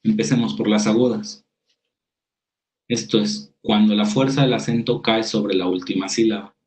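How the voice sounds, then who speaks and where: Low-voiced man teaching spelling rules. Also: fairly even intonation, moderate pace, a little mellow, rough recording. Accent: Mexican Spanish. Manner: reads definitions aloud, then explains with examples and small restarts. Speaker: writing workshop instructor. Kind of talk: spoken lecture over slides.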